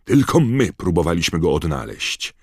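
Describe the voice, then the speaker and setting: A man voicing a fanatical, defiant dark witch in an audiobook. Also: deep voice, big pitch swings, moderate pace, slightly rough, no room sound, studio quality, pitched above the performer's own voice, full character voice. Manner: defiant, zealous declarations. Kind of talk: audiobook character voice.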